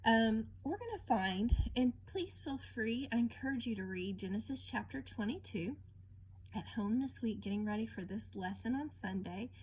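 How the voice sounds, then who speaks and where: This woman's fairly high, slightly rough voice moves at a moderate pace on a rough recording. She reads a picture book aloud, teaching children in an informal, expressive way and often putting questions to the listener.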